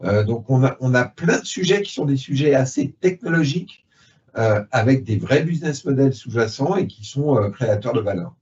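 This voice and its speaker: A man's voice: mid-range voice, animated, moderate pace, darkish tone. A man on a conference panel explaining his fund's investing approach, with frequent fillers and simple analogies. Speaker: private equity fund director. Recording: dull lo-fi sound.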